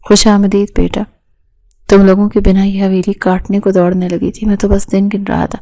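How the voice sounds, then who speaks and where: A contented middle-aged family patriarch in a storybook reading, voiced by a woman narrator. He speaks calmly in a flat, level line with a mellow, dark tone. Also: mid-range voice, natural voice.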